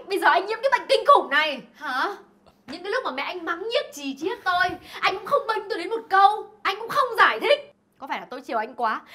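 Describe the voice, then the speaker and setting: A woman's voice: very high-pitched, exaggerated voice. An actress playing a young wife who accuses her husband and mother-in-law, hurt and tearful. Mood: tearful anger. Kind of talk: short web drama acting. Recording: loud music behind the voice.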